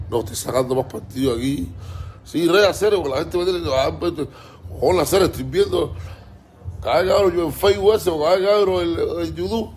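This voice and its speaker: A man's voice: fairly high pitch, a little mellow, slight background noise. A man with a Cuban Spanish accent, ranting in a heated, repetitive way, stumbling over his words and swearing often. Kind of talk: casual ranting monologue.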